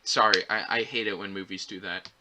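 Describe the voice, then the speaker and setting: A man's voice: low voice, fairly even intonation, fairly quick, noisy background. A man giving a movie commentary, ranting in an exasperated, repetitive way. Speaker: movie reviewer.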